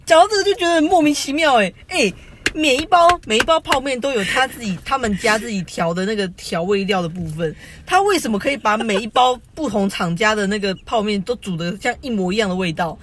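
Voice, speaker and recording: Fast-talking Taiwanese-accented podcast co-host. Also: medium pitch, animated, fairly bright tone. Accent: Taiwanese Mandarin. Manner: rapid, exasperated ranting. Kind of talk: casual chat.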